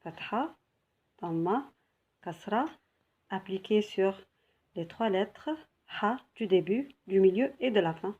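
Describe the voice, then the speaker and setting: A woman teaching a beginner's lesson, patiently repeating each word slowly and clearly. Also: mid-range voice, expressive, a little mellow, lo-fi sound. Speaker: Arabic teacher.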